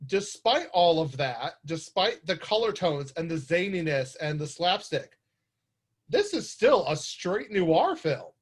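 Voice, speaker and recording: A man's voice: a little high, big pitch swings, unhurried. A man hosting a casual chat, talking earnestly and thoughtfully about films. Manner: earnest, thoughtful film talk. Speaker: host.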